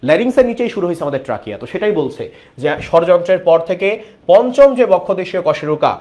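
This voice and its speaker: Animated male biology teacher. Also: sits high, quick pace. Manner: explains step by step, keeps asking students questions. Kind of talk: online class lecture.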